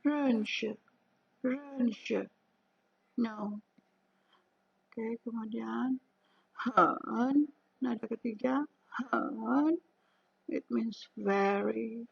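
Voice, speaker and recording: A woman teaching a beginner language lesson, speaking slowly and patiently and drawing out example syllables. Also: on the high side, gravelly, husky, highs cut off. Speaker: Mandarin teacher.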